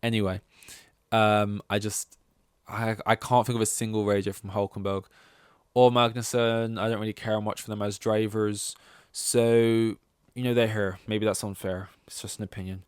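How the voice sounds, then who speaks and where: A podcast host with a lowish, smooth voice and little pitch movement talks at a moderate pace in studio-quality audio with no room sound. He rambles through casual, opinionated sports rankings, swearing, sarcastic, and acting out mock quotes.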